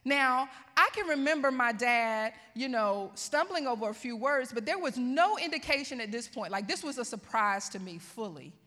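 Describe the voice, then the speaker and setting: Woman preacher, high clear voice, expressive sermon delivery, reverberant hall. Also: normal speed, hardly any pauses. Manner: expressive preaching, calling out to the congregation. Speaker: pastor.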